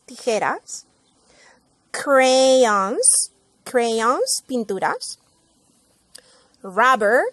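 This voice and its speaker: A woman from Spain teaches English pronunciation in a slow lesson, carefully modeling words and explaining them. Her voice is high and the recording has no echo.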